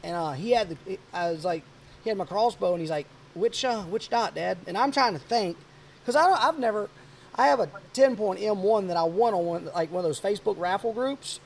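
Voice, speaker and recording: A man around forty hosting a podcast, telling a hunting story in a rambling, animated way. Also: high voice, a little fast, creaky, slight background noise. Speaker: podcast host. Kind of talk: casual chat.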